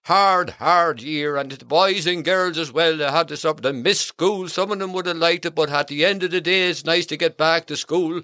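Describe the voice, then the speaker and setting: A man's voice: a little high, moderate pace, few pauses, no echo, clean studio sound. A man playing jolly Claus. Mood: cheery. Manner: folksy, rambling, warm greetings, hearty ho-ho laughs. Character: jolly old Santa Claus, kindly, chatty. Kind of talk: in-character radio greetings.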